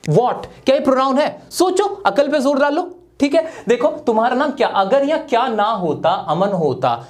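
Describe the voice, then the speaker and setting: A man's voice: very high voice, animated, normal speed. A man teaching grammar to viewers in a playful way, firing rhetorical questions at them.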